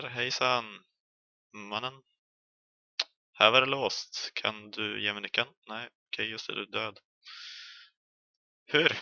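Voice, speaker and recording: Young Swedish man, gravelly and bright, casual horror let's play chatter with yelps. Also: lowish voice, no room sound, muffled recording. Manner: chatty, jokey, yelps and shouts when chased. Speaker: gaming streamer.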